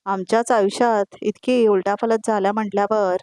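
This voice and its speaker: A woman's voice: medium pitch, fairly even intonation, a little fast, a little mellow, no room sound, close to an everyday voice. A woman reading the lines of an earnest, trusting young wife who explains herself patiently, in a dry recording.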